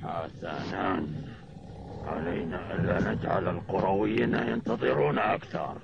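A man voicing a fearsome, boastful pirate ship captain in a cartoon, gravelly and commanding, with theatrical menace. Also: deep voice, moderate pace, highs cut off. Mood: menacing, boastful. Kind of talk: cartoon voice acting. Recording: noisy old cartoon soundtrack.

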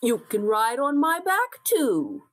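A woman reading the lines of a big, gentle, friendly male bear in a children's storybook, earnest and kind. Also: high voice, very animated, slow pace, voice pushed up, exaggerated voice.

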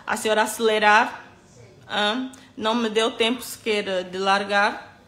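A woman's voice: mid-range voice, fairly even intonation, measured pace, fairly bright tone. A woman recounting an incident to camera in casual storytelling, emphatic and hesitant, with many asides.

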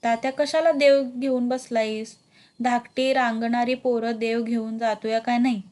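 A woman's voice: on the high side, flat delivery, measured pace, a little mellow, natural voice. Storybook role: young rural farmer in grief, read by a woman, plaintive. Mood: grieving. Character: young male farmer, grieving and anxious.

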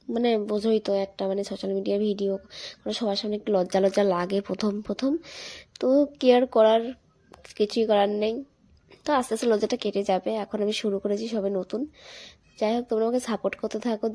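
A young woman with a hoarse, cracking voice, chatting casually and rambling as she narrates her home vlog. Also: medium pitch, little pitch movement, quick pace, mellow. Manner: chatty, rambling, many fillers. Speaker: vlogger. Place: voice-over recorded later at home.

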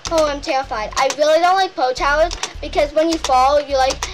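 A young girl with a high voice chats through a gaming vlog, nervous and repetitive as she plays. Game music runs clearly underneath her. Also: fairly quick. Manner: chatty, nervous, repeats herself. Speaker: channel host.

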